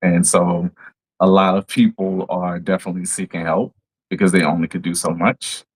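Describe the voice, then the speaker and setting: A man from New Orleans with a New Orleans accent, a therapist talking as a podcast guest in a measured way. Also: low voice, level tone, breathy edge, rough recording. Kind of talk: casual podcast conversation.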